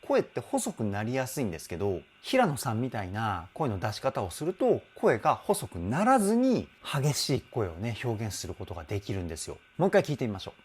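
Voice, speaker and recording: A man's voice: mid-range voice, a little mellow, husky. A man working as a vocal coach, reacting to a song and breaking down the singing. He explains with enthusiasm, often exclaims, and adds polite, apologetic asides.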